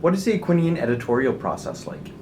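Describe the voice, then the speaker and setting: A man's voice: fairly high pitch, animated, fast, a little mellow, slight background noise. A young man hosting a student interview, reading his questions in an upbeat, scripted way. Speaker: host, video producer.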